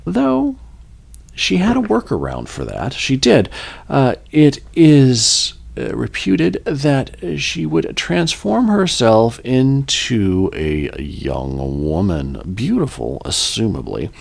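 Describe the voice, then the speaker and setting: Gravelly, animated male podcast host. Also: mid-range voice, slow. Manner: rambling, joking asides, self-corrections. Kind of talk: casual folklore storytelling.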